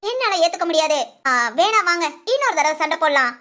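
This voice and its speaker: A woman's voice: very high-pitched, animated, fairly quick, sharp tone, heavily acted. A woman voicing a feisty, argumentative young village wife in a cartoon. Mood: playful. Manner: argumentative, giggly, stammering. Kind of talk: cartoon voice acting.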